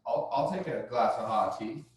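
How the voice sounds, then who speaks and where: A man's voice: mid-range voice, moderate pace. A man playing a service technician in an improvised sales training role-play, polite and a bit hesitant as he asks questions. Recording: very echoey room, far from the mic, faint noise.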